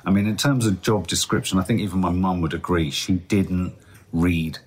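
A man in his fifties, a father co-hosting a parenting podcast in casual chat, with a wry, teasing manner and quick asides. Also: sits low, steady tone, breathy edge.

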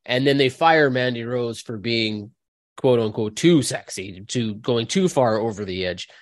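A man's voice: mid-range voice, measured pace, no room sound. Man hosting casually, very dry sound. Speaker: podcast host. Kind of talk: casual conversational news talk.

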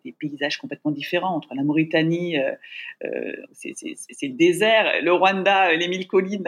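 A woman who grew up in francophone Africa, talking warmly and reflectively as a guest in a remote interview. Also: fairly low pitch. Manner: warm, reflective, thinks aloud. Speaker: podcast guest, TV presenter.

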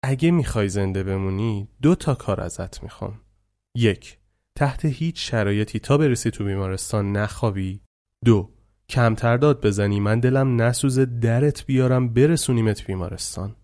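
A man's voice: lowish voice, warm tone, natural voice. A man voicing a blunt middle-aged male firefighter who gives orders. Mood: stern. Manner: commanding, blunt.

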